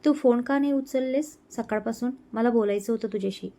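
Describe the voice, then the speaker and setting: A woman voicing an emotional young bride who talks softly and from the heart. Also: on the high side, fairly quick, natural voice. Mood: anxious. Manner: soft, tearful, heartfelt.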